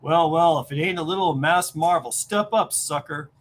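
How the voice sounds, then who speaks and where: A woman reading aloud as a tough, burly male wrestler with a gruff, mocking way of talking. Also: low voice, moderate pace, voice pushed down. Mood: taunting.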